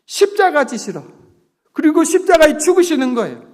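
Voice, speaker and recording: A man's voice: extremely high pitch, very animated, moderate pace, a little mellow. A middle-aged man preaching a sermon as pastor, earnest and emphatic, drawing the congregation into call-and-response. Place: church sanctuary. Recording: long reverb of a church sanctuary.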